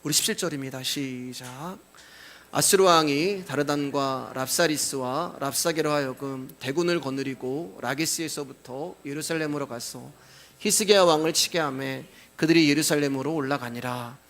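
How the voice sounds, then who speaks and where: A male pastor delivers a sermon, walking through scripture and putting rhetorical questions to his congregation. His voice sits high for a man. He explains the text plainly and cues each reading aloud. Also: moderate pace, fairly bright tone.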